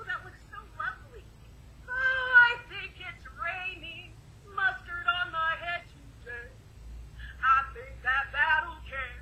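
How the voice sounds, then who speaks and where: A woman's voice: high-pitched, sharp tone, slight background noise, poor audio. A woman doing a casual live webcam stream at home, rambling and giggling as she talks into her webcam mic. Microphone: webcam microphone.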